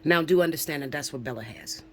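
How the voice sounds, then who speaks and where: Talking at a quick pace in a low voice, with a little hiss or hum audible, a spiritual reader in her forties chats casually with viewers. She is emphatic and preachy, curses freely, and keeps asking "okay?".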